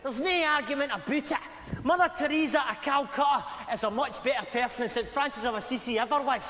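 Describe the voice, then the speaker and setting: An actor playing a scruffy, foul-mouthed Glasgow layabout on stage, with a rough street accent and argumentative manner. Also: male voice, extremely high pitch, fast talker, pushed and bright. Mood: indignant, scornful. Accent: Glaswegian street accent. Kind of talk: live stage sitcom performance. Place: large theatre stage with audience. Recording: hall reverb, faint noise, old videotape.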